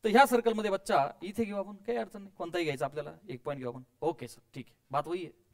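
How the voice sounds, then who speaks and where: A man's voice: sits high, racing. A man teaching physics to a classroom of students, coaxing and quizzing them, mixing English terms in and adding playful sound effects.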